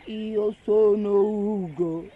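A woman's voice: medium pitch, fairly even intonation, drawn-out words, slight background noise. A woman voicing a gloomy male creature in a storybook, sighing and mournful. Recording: tinny phone-like recording.

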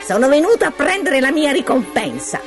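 Woman doing a super high squeaky little dwarf guy, cackly and gloating, music going underneath. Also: big pitch swings, a little fast. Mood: taunting. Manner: gleeful, taunting, laughs often. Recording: music playing behind.

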